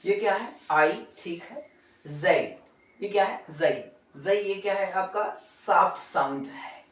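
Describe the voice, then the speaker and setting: A man's voice: high-pitched, slow, a bit bright. A man teaching a pronunciation lesson, asking and answering his own questions and repeating each sound. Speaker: English teacher. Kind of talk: classroom-style pronunciation lesson. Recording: roomy echo, mic far off.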